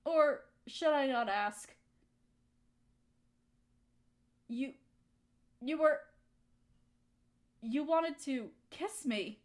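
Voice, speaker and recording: In an intimate roleplay audio drama, a woman with a high-sitting voice plays a hurt young woman who is softening toward her best friend. Her delivery is emotional and halting, wounded yet probing.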